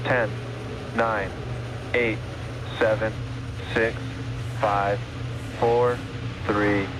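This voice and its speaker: A man's voice: fairly low pitch, little pitch movement, very slow. A launch controller, a man, giving terse countdown callouts over a distant radio comms loop. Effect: radio comms loop, distant and staticky. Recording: distant radio loop with loud static hiss.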